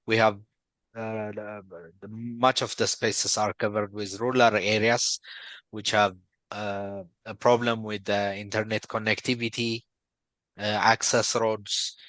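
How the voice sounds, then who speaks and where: A man from Ethiopia hosts a video call and presents, talking in a friendly, halting way full of fillers and restarts. His voice is bright and forceful. The sound is dry and close. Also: on the low side, little pitch movement, no room sound. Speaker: meeting host, company founder.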